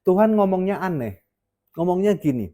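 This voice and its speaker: A man's voice: sits high, animated, moderate pace, dark tone. A middle-aged man giving a personal testimony to a congregation, telling his story conversationally with many fillers and restarts. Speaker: church testimony speaker.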